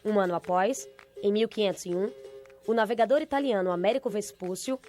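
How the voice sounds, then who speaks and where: A woman reading a scripted documentary narration in a measured, informative voice. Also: medium pitch. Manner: measured, even informative delivery. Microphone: studio voice-over. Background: background music.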